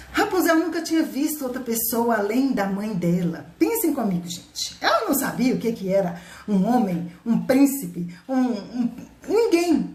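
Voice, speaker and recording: A woman telling a fairy tale live to her viewers, animated and chatty, often laughing. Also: sits high. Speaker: storyteller. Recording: roomy echo.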